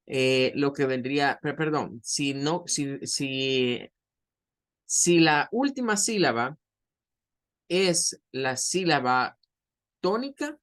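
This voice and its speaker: A man's voice: on the high side, a bit bright. Patient male English teacher explaining grammar. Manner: patient, explanatory, repeats example words slowly. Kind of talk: grammar lecture in Spanish.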